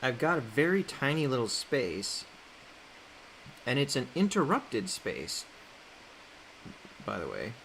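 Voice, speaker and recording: Casual male streamer, mid-pitched, loose and rambling, laughs easily, slight hiss on the mic. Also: slow, creaky, long pauses, low-quality recording. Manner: relaxed, rambling, laughs often, reads chat aloud. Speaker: artist streaming while drawing. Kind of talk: casual livestream chat.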